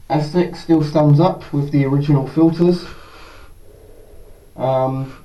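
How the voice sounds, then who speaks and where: A man's voice: medium pitch, warm tone. A man presenting a casual test commentary, his voice muffled as he speaks through a gas mask. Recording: distant mic, faint background noise.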